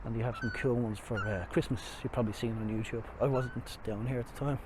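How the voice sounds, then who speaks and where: Fast-talking and medium-pitched, with fairly even intonation, this masked Irishman delivers a meandering, self-deprecating tour as he walks city streets near a river. Traffic ambience and vehicle noise run throughout the outdoor clip.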